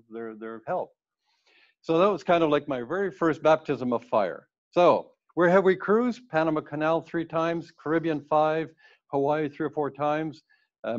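An older man talks his way through a slide presentation, casual and a little rambling, often restarting his sentences. His voice sits at a middling pitch for a man. The sound is dull and lo-fi. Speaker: cruise ship speaker. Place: indoors in front of a plain wall.

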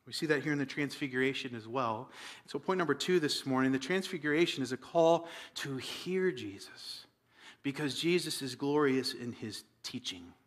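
A man pastor preaching a sermon with dynamic delivery, swinging from loud exclamations to hushed near-whispers. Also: medium pitch, moderate pace. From United States.

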